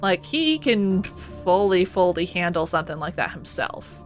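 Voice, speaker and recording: A woman streaming a video game, reading out story text and commenting on it in an expressive, theatrical way. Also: on the low side, unhurried. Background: music.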